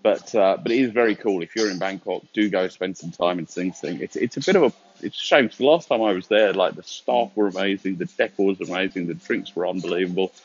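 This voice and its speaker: A man's voice: low-pitched, quick pace, hardly any pauses, slight background noise. A middle-aged man giving a casual, wry, offhand tour to camera. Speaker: vlogger giving a restaurant tour. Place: quiet restaurant interior with large windows. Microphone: phone at arm's length. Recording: dull, lo-fi phone audio.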